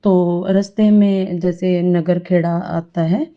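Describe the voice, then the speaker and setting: A woman's voice: fairly low pitch, steady tone, slow. Earnest middle-aged woman, dull lo-fi audio. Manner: earnest, rambling, reverent. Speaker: devotee sharing an experience. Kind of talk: personal devotional testimony.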